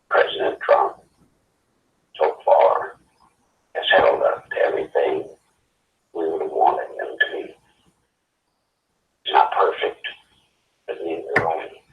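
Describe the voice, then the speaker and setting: A man's voice: very deep voice, gravelly, distant mic. A man calling in on speakerphone, talking in an earnest, pleading, urgent way as a guest caller. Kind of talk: casual talk. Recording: tinny phone line on speaker, roomy, faint noise.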